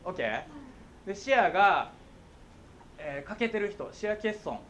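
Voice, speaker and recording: Slightly slow and a bit bright, his high voice moves through big pitch swings over faint hiss. A middle-aged man with a Kansai accent, he gives schoolchildren a jokey talk as a guest speaker on visual impairment, checking often that they're with him.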